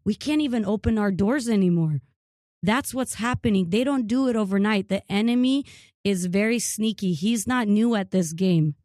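As a podcast guest in a casual interview, a woman in her thirties who was born in Ukraine shares her family's story earnestly, often restarting and using fillers. She speaks at normal speed in a medium, slightly mellow voice, on a dry, studio-quality recording.

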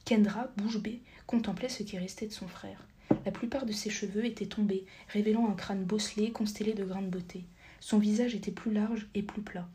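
A woman narrating a story as a whispered audiobook reading, soft and half-whispered, with occasional slips she corrects. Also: mid-range voice.

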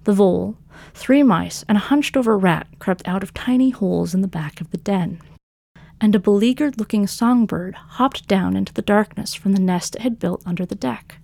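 A woman, the author and narrator of a fiction podcast, reading her own story in a measured way that slows for dramatic lines. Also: medium pitch, vocal fry, warm tone, no room sound.

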